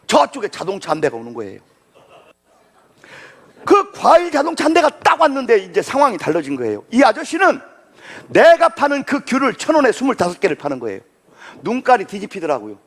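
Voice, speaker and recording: A man delivering a motivational lecture through folksy personal stories. His voice is high and swings widely. He tells it with dramatic, animated flair.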